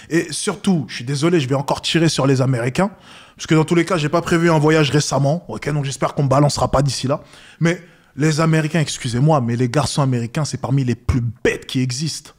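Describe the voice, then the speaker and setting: Scornful high-voiced man lecturing. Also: breathy edge. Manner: mocks others with high squeaky voices. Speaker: commentator reacting to a video. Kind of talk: reaction commentary.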